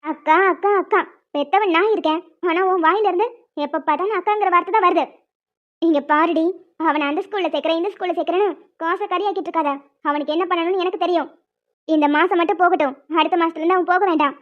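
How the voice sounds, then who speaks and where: A woman's voice: extremely high pitch, quick pace. A woman voicing a harsh, bossy, middle-aged stepmother who scolds and threatens in a cartoon. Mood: scolding. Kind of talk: cartoon voice acting. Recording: dull lo-fi sound.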